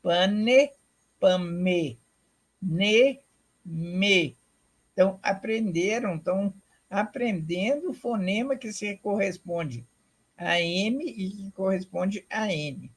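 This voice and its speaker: A woman giving an academic lecture, explaining slowly and deliberately, repeating herself and checking in with her audience. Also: medium pitch, husky.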